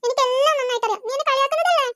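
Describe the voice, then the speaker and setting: A woman's voice: very high voice, rapid-fire, bright, forceful tone, dry recording. A woman voicing a touchy young cartoon girl who sulks and accuses others of mocking her. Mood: accusing. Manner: accusing, sulking, repeating herself. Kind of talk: cartoon voice acting.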